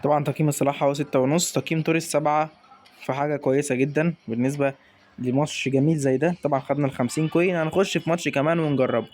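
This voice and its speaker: A man's voice: fairly high pitch, steady tone, racing, a little mellow, slight background noise. A young man with an Egyptian accent giving hyped live gameplay commentary on a football video game, calling out to the players on screen. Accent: Egyptian Arabic. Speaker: gaming YouTuber.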